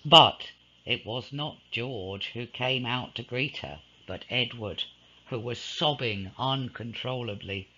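A man reading a ghost story aloud in a slow, dramatic storytelling manner. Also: mid-range voice, lo-fi sound, noisy background. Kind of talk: scripted ghost-story narration.

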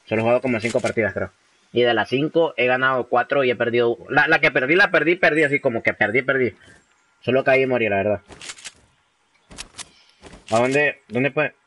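While streaming gameplay live, a young man from Honduras chats with viewers, reads their messages aloud, and mixes slang with English phrases. He has a medium-pitched, sharp-toned voice and talks fairly quickly but with long pauses.

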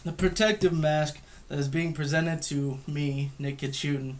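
A man's voice: a little high, steady tone, a little slow. A young man giving a casual, unscripted gear review at home, hesitant and matter-of-fact, picked up by a camera across a table. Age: young adult. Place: room at home, indoors. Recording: clearly noisy home recording with clicks.

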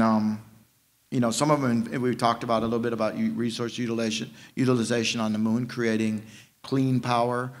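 Man from jamaica, 50s, lowish voice, animated panel talk, table mic, many restarts. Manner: animated storytelling with frequent restarts. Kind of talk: panel discussion. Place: conference panel room. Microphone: table mic on stand.

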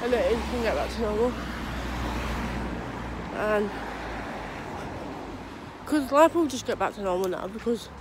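Her voice on the high side, expressive and measured with long pauses, a young woman vlogs hesitantly while walking dogs on a street. A cold has left her with a sore, clogged throat and a runny nose, and she keeps restarting and reaching for fillers. Traffic noise comes through the phone, which she holds low at arm's length.

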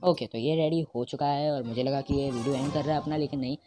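Excitable male gamer over game music. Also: mid-range voice. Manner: excitable, rapid panicked repetition of words. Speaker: mobile game player. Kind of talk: live gameplay commentary. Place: at home.

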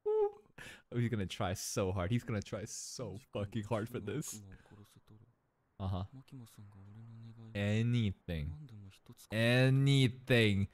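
A young man in his twenties giving excited reaction commentary from a small room, close to a boom mic, laughing and breaking into shouts. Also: slow pace, long pauses. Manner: animated, laughing, shouts in bursts. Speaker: anime reaction streamer. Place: small room indoors, in a gaming chair. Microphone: studio mic on boom arm, close.

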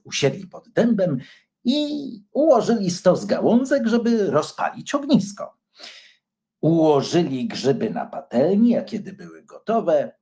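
A man reading a bedtime story aloud, his voice swooping up and down with great expression. He takes his time and lingers over each phrase. The pitch sits slightly above the usual range for a man. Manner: animated and unhurried. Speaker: reader of a children's story.

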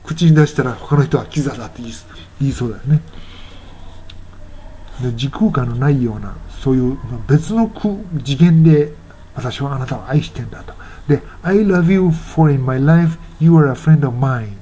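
An older Japanese man explaining song lyrics and English pronunciation in a musing, self-correcting way, sounding lines out slowly. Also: medium pitch, expressive, dark tone, a little hiss or hum. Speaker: English teacher.

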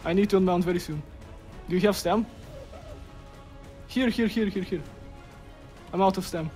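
Man, gameplay voice chat, excited callouts, swearing, higher voice. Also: moderate pace, faint music behind. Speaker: gaming teammate.

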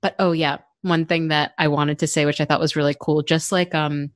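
A woman's voice: low-pitched, flat delivery, moderate pace, no room sound, studio quality. A young woman co-hosting a podcast, chatting casually with many fillers and laughs. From United States. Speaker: podcast co-host. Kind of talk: casual chat.

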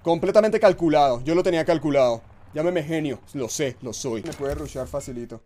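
A young man with a Colombian accent, commentating his live gaming stream in a brash, profane way, muttering asides and then yelling outbursts. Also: a little high, fairly quick. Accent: Colombian Spanish. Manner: brash and profane, swinging between mumbled asides and yelled outbursts. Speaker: Twitch streamer.

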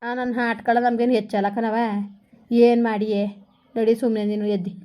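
A woman's voice: on the high side, level tone, fairly quick, dark tone, natural voice. A woman playing a worried village mother who coaxes and scolds her daughter. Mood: coaxing. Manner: coaxing, reproachful. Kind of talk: village comedy skit.

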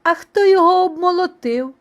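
A woman voicing a hardworking, patient male rooster in a storybook reading, calling out brightly. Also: very high-pitched, a little fast, pitched above the performer's own voice.

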